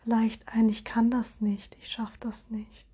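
A woman guiding a relaxation hypnosis in a soft, soothing, airy spa whisper with gentle suggestions. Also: fairly high pitch, completely flat delivery, a little slow, slightly rough. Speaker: hypnosis guide.

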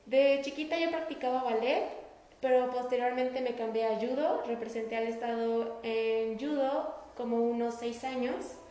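A young woman from Mexico with a Mexican Spanish accent, answering interview questions in a relaxed way and laughing easily. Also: fairly high pitch, moderate pace. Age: young adult. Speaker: interviewee, student. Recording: roomy echo.

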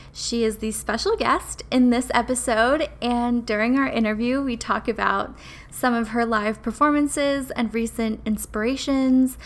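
Nasal woman hosting a podcast. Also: on the high side. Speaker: podcast host. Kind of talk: casual radio interview. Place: college radio studio. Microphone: studio microphone.

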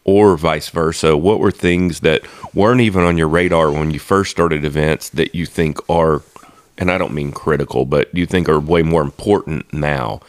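A man with an extremely low, deep voice co-hosts a casual podcast. He asks questions and drops dry, sarcastic remarks. The sound is dry, with no room echo. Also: fairly even intonation, moderate pace. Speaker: podcast co-host.

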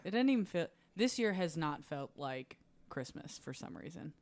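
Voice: mid-range voice, sing-song, moderate pace. A co-host trading teasing banter with friends in a small apartment living room. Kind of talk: casual chat among friends.

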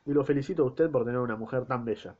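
A man's voice: mid-range voice, racing, highs cut off, lightly acted. A man with an Argentine accent reading the lines of a scheming, lecherous fake doctor in flowery courtly speech. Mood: flattering. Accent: Argentine Spanish.

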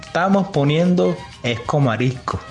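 A man playing an easygoing, teasing fellow with a Colombian Caribbean coastal accent in a children's story. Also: fairly high pitch. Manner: breezy, colloquial, teasing.

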